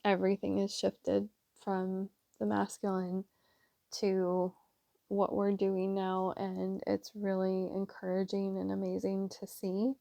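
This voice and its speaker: A woman's voice: mid-range voice, monotone, slow pace, gravelly, mellow, no echo. A woman giving a casual tarot reading to her viewers, chatty and rambling with many fillers. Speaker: tarot reader.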